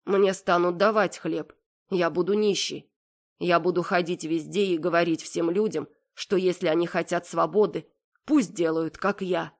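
A woman voicing a stubborn young girl who speaks in a flat, indifferent monotone. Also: fairly low pitch, moderate pace, natural voice.

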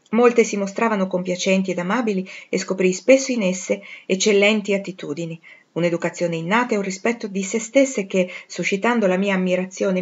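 Woman reading a classic novel aloud. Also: mid-range voice. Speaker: audiobook reader. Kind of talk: literary audiobook narration. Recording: dull lo-fi recording.

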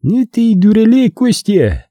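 A brash enemy commander , put on by a male narrator, yells his demands in a raised, lively voice full of swagger. The sound stays dark and husky underneath, recorded close and dry with no room around it. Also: measured pace, no room sound, exaggerated voice. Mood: persuading. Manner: shouting, raised pitch. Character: cheerful cocky male enemy commander, bossy.

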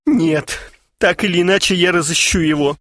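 A man's voice: fairly high pitch, animated, unhurried, a bit bright, dry recording, pitched above the performer's own voice, full character voice. A gloomy man putting on theatrical grief in an audiobook scene, his lament rising and falling dramatically. A male narrator voices him. Recorded dry and close. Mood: mock grief. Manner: mournful, theatrical. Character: gloomy shaven man, falsely grieving brother. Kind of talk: audiobook character voice.

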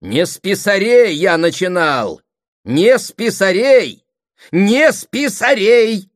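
A man voicing a proud, angry middle-aged brother who shouts indignantly in an audiobook reading. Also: high-pitched, expressive, slow, no room sound, studio quality, voice pushed up. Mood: shouting.

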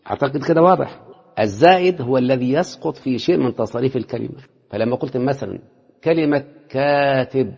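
A man's voice: mid-range voice, gravelly, slightly rough. A man with an Egyptian accent teaching Arabic morphology, quizzing his students with rhetorical questions as he goes. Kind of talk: classroom lesson. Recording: dull lo-fi recording in a reverberant hall.

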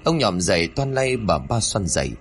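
Low-voiced male horror storyteller. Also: very animated, normal speed, a little hiss or hum. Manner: dramatic, suspenseful reading.

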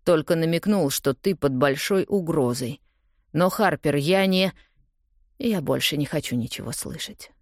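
A woman reading an audiobook, voicing a guilty young man who defends himself in a low, earnest voice. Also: lively intonation, unhurried, a little mellow, no echo, clean studio sound. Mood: defensive, pleading.

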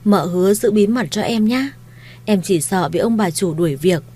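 A woman's voice: mid-range voice, normal speed, warm tone, husky, close to an everyday voice. A woman voicing a frightened young female house maid, timid and stammering as she pleads. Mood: timid pleading.

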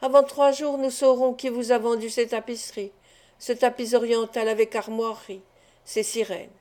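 A woman's voice: a little high, little pitch movement, moderate pace, darkish tone, natural voice. A woman voicing a firm, confident male police commissioner in an audiobook of a classic novel.

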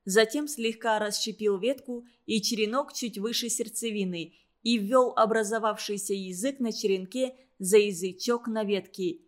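A woman narrating a wartime story in a steady, measured audiobook reading. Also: mid-range voice.

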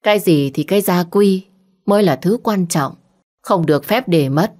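Stern elderly matriarch, authoritative storybook figure, read by a woman; low-ish. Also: normal speed, darkish tone, natural voice. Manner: authoritative, lecturing. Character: stern old grandmother, matriarch of a rich house.

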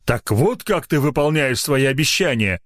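A man's voice: mid-range voice, animated, moderate pace, fairly bright tone, dry recording, clean studio sound, voice pushed up, lightly acted. Ironic, stern country chief doctor voiced by a man, middle-aged; audiobook character. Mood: scolding. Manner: ironic, scolding.

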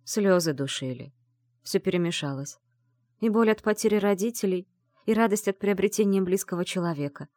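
A woman's voice: mid-range voice, normal speed, dark tone, no echo, studio quality. A woman narrating an audiobook in the first person, reading in an earnest, heartfelt way.

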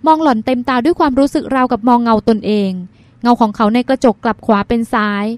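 A woman narrating a novel as an audiobook reader, in smooth, even storytelling. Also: fairly high pitch, fast talker, dry recording. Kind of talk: novel reading.

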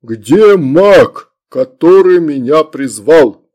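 A man's voice: fairly high pitch, lively intonation, drawn-out words, darkish tone. A man voicing an arrogant, irritable male demon lord in the body of an infant, snapping with indignant menace in a storybook reading.

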